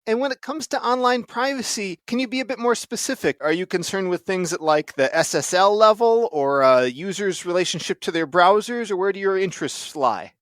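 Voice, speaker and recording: A man's voice: high-pitched, lively intonation, a little fast, hardly any pauses, a bit bright, no room sound, studio quality. An American man hosting a podcast, talking informally and thinking aloud with asides. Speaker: podcast host. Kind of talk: conversational podcast interview.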